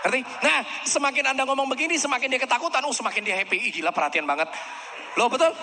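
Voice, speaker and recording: A man's voice: extremely high pitch, lively intonation, fast talker, big-room sound, background noise. A man giving a sales training seminar, acting out customer dialogues and often asking the audience to agree. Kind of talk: seminar lecture.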